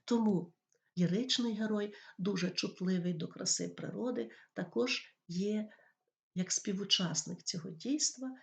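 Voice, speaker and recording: Gravelly-voiced woman teaching poetry. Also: mid-range voice, unhurried. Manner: explains patiently, reads verse lines aloud. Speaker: literature teacher. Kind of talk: school lesson on poetry.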